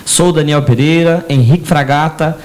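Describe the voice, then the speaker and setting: A man's voice: fairly high pitch, steady tone, normal speed, a little mellow. A man from Brazil hosting a podcast interview, full of enthusiasm and short exclamations. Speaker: podcast host. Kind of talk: casual interview.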